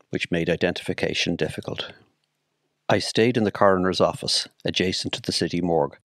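A man with an Irish accent narrating a memoir in a measured, solemn, deliberate way. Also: sits low, gravelly, dry recording. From Ireland. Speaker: storyteller recalling his work at the city morgue.

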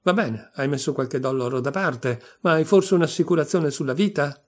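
A man reading a story aloud, voicing a jealous, sharp-tongued middle-aged baker's wife who scolds shrilly. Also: a little high, moderate pace, close to an everyday voice. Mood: shrill. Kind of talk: audiobook reading.

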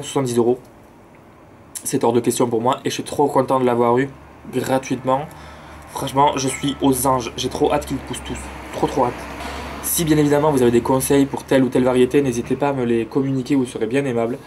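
A man's voice: medium pitch, warm tone, slight background noise. A man with a southern French accent chatting enthusiastically about his plants outdoors, with slangy asides. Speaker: plant vlogger. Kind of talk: casual chat. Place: outdoors near a road with cars and planes.

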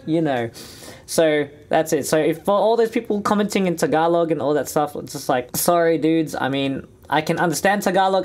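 This young Sydney man, a musician and vlogger, chats upbeat and casual straight to camera from a small indoor music studio, gesturing a lot with his hands. His Australian-accented voice is mid-range and a little mellow.

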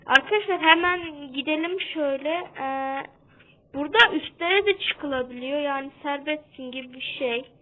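A young-sounding woman giving casual gameplay commentary for her channel, half-shouting and keeping up a running chat with her viewers. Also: sits high, moderate pace. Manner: talks a bit loudly on purpose, keeps calling out to viewers. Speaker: gaming channel host. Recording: tinny phone-like sound.

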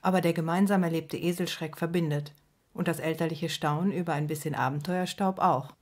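Female narrator, children's story reading, lowish voice, gentle, even. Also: fairly quick.

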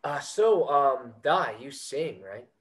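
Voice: medium pitch, lively intonation, slow, low-quality recording. A performer reading the part of a young male band singer who jokes and teases, at a script read-through. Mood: sheepish. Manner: teasing, wisecracking.

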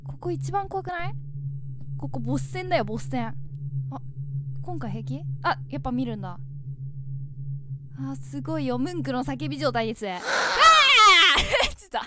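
A young woman giving animated, jumpy commentary as she plays a horror game, calling herself by name. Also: sits high, fairly quick, long pauses, very noisy. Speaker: game streamer.

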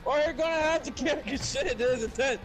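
High-pitched exasperated young male gamer. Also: a little fast, faint music behind. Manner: exasperated, complaining, heavy swearing. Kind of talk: casual gaming trash talk with a friend.

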